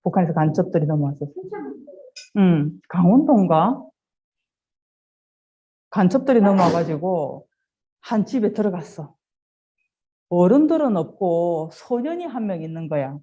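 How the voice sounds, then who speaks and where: A woman giving an animated children's sermon, telling stories, asking the children questions and acting out quoted lines. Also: on the low side, normal speed, pauses often, slightly rough, dull audio. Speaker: children's ministry preacher.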